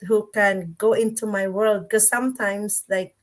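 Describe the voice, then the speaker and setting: Slow-talking woman hosting a livestream. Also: mid-range voice, steady tone. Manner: candid, laughs often, scoffing. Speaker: host. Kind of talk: casual livestream chat.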